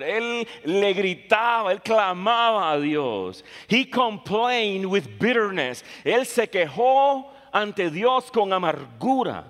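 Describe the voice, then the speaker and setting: Slow, lively-voiced preacher in a hall. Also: male voice, high voice. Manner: emphatic, repeats phrases for stress. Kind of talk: bilingual sermon, English and Spanish in turn. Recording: long reverb of a large hall.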